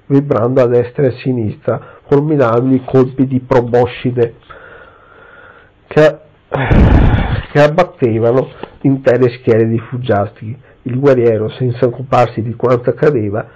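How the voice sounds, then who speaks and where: A man giving a dramatic reading of an adventure novel, steady and expressive, on a slightly dull recording. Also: medium pitch. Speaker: reader.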